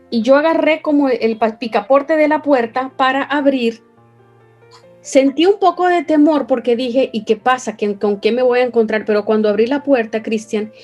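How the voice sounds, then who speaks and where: A woman's voice: sits high, a little mellow. A Venezuelan woman with a Venezuelan accent, earnestly telling an emotional personal story as an interview guest. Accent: Venezuelan Spanish. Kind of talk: personal testimony.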